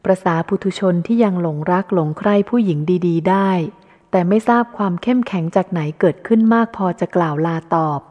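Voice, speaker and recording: A woman reading a reflective first-person book aloud in a calm, measured way. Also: on the low side. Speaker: audiobook reader. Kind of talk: scripted first-person narration. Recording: dull lo-fi audio with long reverb.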